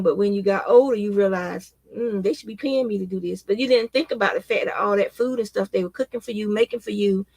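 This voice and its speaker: A woman's voice: medium pitch, vocal fry, dry recording. A woman in her fifties, chatting casually and reminiscing at a rambling pace with frequent restarts. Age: 50s. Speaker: crochet vlogger. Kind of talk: casual reminiscing while crocheting.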